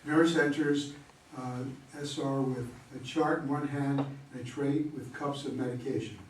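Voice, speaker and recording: Slightly slow and steady in tone, a mid-range male voice narrates the cast list and stage directions of a play. The mic sits some way off in a spacious room, picking up faint noise.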